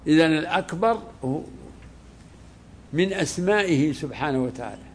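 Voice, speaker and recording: Man, religious scholar, lesson on a legal text, deliberate, repeats phrases, slightly high voice. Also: expressive, a little hiss or hum.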